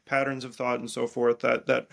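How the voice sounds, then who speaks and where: The speaker is a male biblical scholar and priest answering like an academic interviewee, with a gravelly fry, middling pitch, and completely flat delivery. A first-language English speaker, he reasons aloud in a halting way, doubling back on words as he rephrases.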